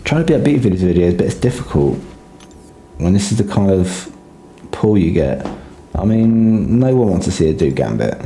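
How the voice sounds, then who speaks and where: Despite a sore throat, this man, a gaming guide creator, narrates gameplay casually and hesitantly, with plenty of ums and a low-key manner. His dark-toned voice is very animated and moves at a moderate pace. The audio has a roomy echo and a little hiss or hum.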